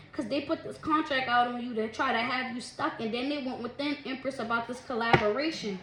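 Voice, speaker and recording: High-voiced chatty woman tarot reader. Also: a bit bright. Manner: chatty, calls listeners "collective" and "baby", laughs often. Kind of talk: casual tarot reading. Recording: echoey room, faint noise.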